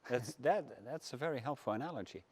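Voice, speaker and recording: A man's voice: medium pitch, lively intonation, fast, long reverb tail. A man hosting an interview, giving short, agreeable prompts and questions. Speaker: interview host. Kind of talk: interview conversation.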